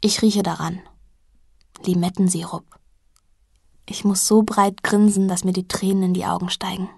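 A woman reading a novel aloud in the first person, intimate and at times softly hushed. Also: medium pitch, level tone, moderate pace, vocal fry, slightly rough, no room sound, studio quality. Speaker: audiobook narrator.

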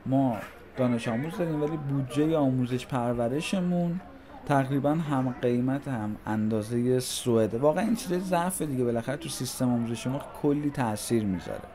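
A man's voice: mid-range voice, animated, a crowd in the background. A man in his thirties from Iran gives walking tour commentary outdoors, talking in a reflective, nostalgic, conversational way as he walks city streets. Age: 30s. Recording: street noise clearly audible. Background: traffic and street ambience.

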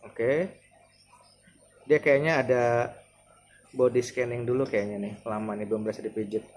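Steady in tone and slightly mellow, his medium-pitched voice moves at a normal speed. The speaker is a man in his thirties from Jakarta, Indonesia, judging by his accent, thinking out loud in an informal, tentative demo of a massage chair in his living room. The audio carries clear background noise and room ambience.

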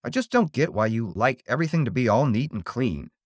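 A man's voice: mid-range voice, animated, fairly quick, no room sound, studio quality, lightly acted. A man voicing a mischievous, defiant little girl, the younger sister, who talks in a cheeky, teasing way. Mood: sulky.

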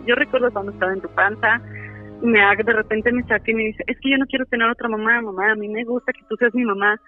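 A woman's voice: a little high, dry recording. A woman, phoning in to tell a story in a casual, chatty way, often using fillers. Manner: chatty, many fillers like "este". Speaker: caller. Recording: tinny phone line with music behind.

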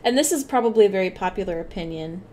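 A woman's voice: mid-range voice, animated, fast talker, dark tone, slight background noise. A woman streamer giving casual, joking, crude commentary over a game.

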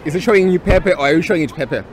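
This twenty-something guy talks rapid-fire in a fairly high, animated voice while presenting a laid-back vlog from an open beach. He teases interviewees playfully, holding a small mic, with outdoor wind and background noise in the audio.

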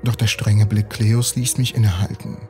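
A man reading a bedtime story as a calm, even storyteller. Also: lowish voice, normal speed, faint music behind. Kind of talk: scripted bedtime story narration.

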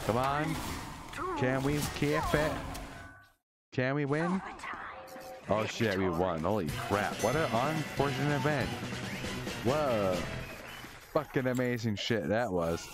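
A man streaming a shooter game live, commenting excitably, swearing a lot and rambling to his chat. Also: medium pitch, unhurried, long pauses. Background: game music.

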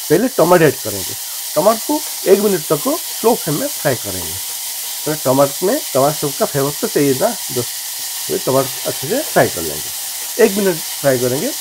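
A man's voice: on the high side, a little mellow, slight background noise. A man in his thirties, a cooking channel chef, talking viewers through a recipe step by step in a chatty, repetitive way, calling them friends. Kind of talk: cooking tutorial narration.

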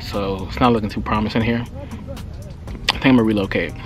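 Music plays behind a lowish male voice moving at a moderate pace. The speaker, a fishing vlogger in his forties, hikes sandy scrubland trails with a chest-mounted action camera, chatting and joking with viewers he calls y'all.

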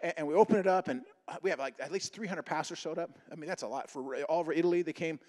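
A middle-aged man preaching a humorous sermon full of stories, acting out the dialogue in an animated way. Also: fairly high pitch, fast talker. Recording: echoing hall reverb.

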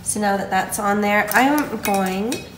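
A woman hosts a relaxed cooking video at home, talking slowly through each step. She gushes with excitement over the dish. Her voice carries a roomy echo with faint kitchen clatter behind it. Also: medium pitch, slight background noise. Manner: enthusiastic, gushing over food. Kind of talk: casual cooking demo.

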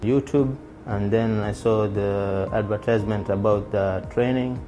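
A man from Kenya giving a halting interview testimonial in a studio on a lapel mic. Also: on the low side, steady tone, lo-fi sound. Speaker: training course participant. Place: indoor studio with grey backdrop. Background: music bed.

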